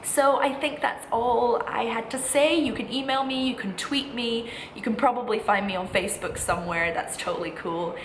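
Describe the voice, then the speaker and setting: Her voice sits on the high side, at a moderate pace with hardly any pauses. A student vlogger in her twenties, she gives viewers direct, chatty, encouraging and emphatic advice casually, in an echoey room with clear background noise.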